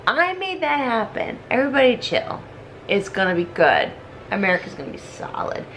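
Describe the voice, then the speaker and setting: A woman's voice: on the high side, normal speed, a little hiss or hum. A woman rambling drunkenly through a comic retelling in casual slang, acting out the characters as she goes. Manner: tipsy, rambling drunken delivery; animated, acts out characters in slangy dialogue. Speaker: storyteller.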